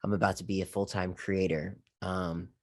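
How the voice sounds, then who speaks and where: A man with a low voice, chatting as a guest on a podcast. He tells stories in an easygoing, casual way and leans on fillers as he goes. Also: little pitch movement, normal speed. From Japan. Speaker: guest content creator. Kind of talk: relaxed podcast conversation.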